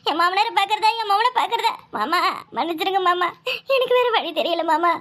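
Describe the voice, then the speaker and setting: A woman doing a shrill wailing cartoon daughter-in-law. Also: lively intonation, brisk. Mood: fretful scheming. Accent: southern Tamil Nadu village dialect. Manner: sobbing, loud lamenting. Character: wailing village daughter-in-law, scheming, theatrical. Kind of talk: cartoon voice acting.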